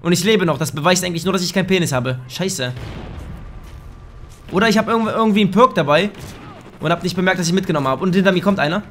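A young man giving crude, excitable let's play commentary in a slightly hoarse voice, now and then bursting into shouts. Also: high voice, fast, pauses often, background noise. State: a bit hoarse. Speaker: gaming YouTuber. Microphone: desk microphone.

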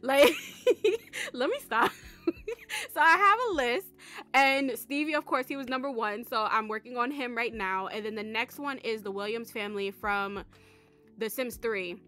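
A bright, sharp-toned woman with a slightly high voice chats excitedly to her viewers in a loose, rambling vlog. She piles on slang and casual swearing as she talks. Soft music plays faintly underneath. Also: moderate pace. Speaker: Sims content creator.

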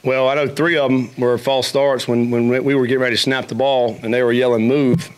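A man's voice: medium pitch, a little hiss or hum. A middle-aged man, a head football coach, answering questions at a post-game press conference, with frequent restarts and fillers. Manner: fast, even-toned, frequent restarts and fillers. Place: press conference room with a logo backdrop. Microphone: table microphone.

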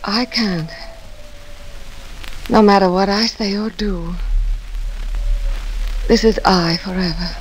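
An actress playing Cathy's part as a willful, proud young gentlewoman, in a theatrical, volatile 1940s radio drama style. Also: mid-range voice, slow, pauses often, a little hiss or hum, close to an everyday voice, rough recording. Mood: tender, dreamy.

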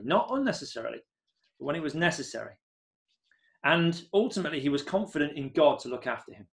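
A man in his thirties preaching an earnest sermon from a room at home into a webcam, rising to excited emphasis on key points. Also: fairly high pitch.

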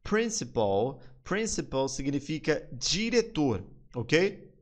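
A man with a Brazilian Portuguese accent teaching a live online English lesson, explaining and slowly repeating English phrases. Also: a little high, sing-song.

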